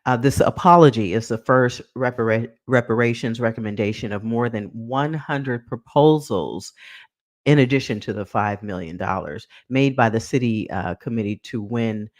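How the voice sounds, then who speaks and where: A man's voice: medium pitch, normal speed, dry recording. Male live-stream news host on a headset mic, dead-dry close sound, earnest talk-to-camera delivery. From San Francisco.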